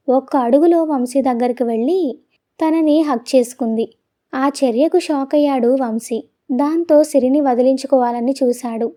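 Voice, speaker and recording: A woman tells a romantic audio story in gentle, expressive scripted narration. Her voice is high. Its tone is mellow and warm.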